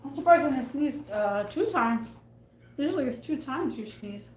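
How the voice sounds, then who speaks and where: A woman's voice: high voice, expressive, moderate pace. A woman live streaming from her desk at home, chatting in a rambling, casual way and trailing off mid-thought. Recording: echoey room with faint background noise.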